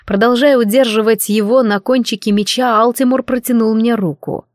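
A woman narrating a first-person novel as an audiobook, with a steady, even delivery. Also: fairly high pitch, no room sound, clean studio sound.

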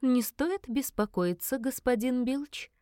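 A woman voicing a prim, nervous middle-aged woman librarian who speaks slowly and formally. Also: sits high, dark tone, dry recording, clean studio sound, voice pushed up.

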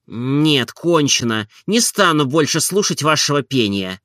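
Man voicing a timid, lovesick gentleman in an audiobook; slow, gentle, pleading, bright tone. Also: fairly high pitch, very animated, no echo, clean studio sound. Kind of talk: audiobook character reading.

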